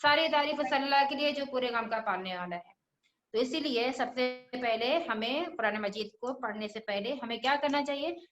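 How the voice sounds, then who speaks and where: A woman's voice: sits high, moderate pace, fairly bright tone, reverberant. A woman teaching children Quran recitation, patiently repeating each letter sound and asking questions as she goes. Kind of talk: religious lesson for children.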